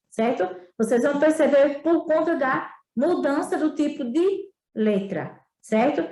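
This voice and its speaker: A woman's voice: high-pitched, reverberant. A woman teacher with a northeastern Brazilian accent, explaining a remote school lesson with frequent tag questions. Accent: Brazilian Portuguese, northeastern.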